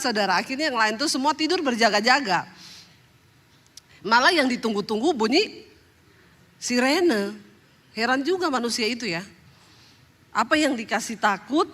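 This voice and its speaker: A woman with a fairly bright, slightly high voice preaches a sermon built on funny personal stories. She often turns to the congregation in a chatty, joking way.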